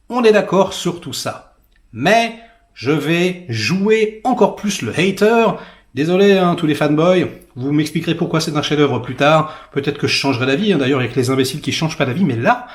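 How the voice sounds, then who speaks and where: A man's voice: on the high side, reverberant. A man giving a casual, sarcastic and crude film review, full of fillers and slang. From France. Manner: vulgar, sarcastic, many fillers. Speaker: film critic. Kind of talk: casual rant-style movie review.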